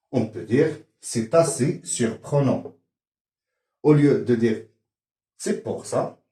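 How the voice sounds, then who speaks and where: Male lesson host, unhurried and methodical, dark mellow voice recorded in a reverberant room. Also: mid-range voice. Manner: measured, listing phrase pairs one after another. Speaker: French teacher, channel host. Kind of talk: slow scripted language lesson.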